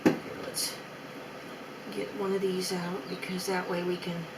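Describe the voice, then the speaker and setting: A woman's voice: fairly low pitch, completely flat delivery, unhurried, noisy background. A woman chatting casually through a home kitchen demonstration, loose and trailing off mid-sentence. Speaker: host of a food demo video.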